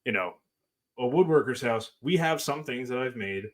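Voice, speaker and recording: A man's voice: mid-range voice, animated, moderate pace. A man hosting a podcast, chatting casually with his wife and teasing her with dry jokes. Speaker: podcast host, woodworker. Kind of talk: casual chat.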